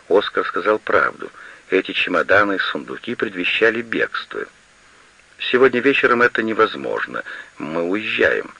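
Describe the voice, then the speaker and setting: A man narrating a novel as an audiobook in an expressive storytelling manner, on a slightly lo-fi recording. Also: low voice, creaky, husky. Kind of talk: novel reading.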